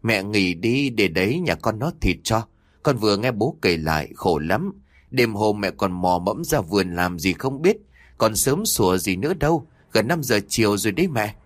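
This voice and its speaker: A worried middle-aged son in a horror audiobook who talks to his parents in an earnest, reproachful way, as a male narrator voices him. The voice is low with lively intonation. The sound is dry and close. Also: normal speed, no room sound.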